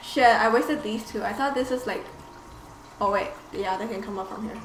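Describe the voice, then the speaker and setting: A woman's voice: medium pitch, normal speed, roomy sound, a little hiss or hum. A woman playing a co-op video game at home, asking questions and cheering her partner on affectionately. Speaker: co-op gameplay player. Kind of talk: casual gameplay chat.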